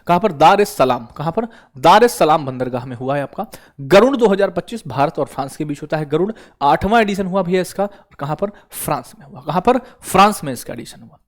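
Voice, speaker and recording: A man teaching exam prep, who keeps asking the viewer questions and answering them himself. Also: a little high. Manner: repeats questions to the viewer and answers them, calls listeners brother.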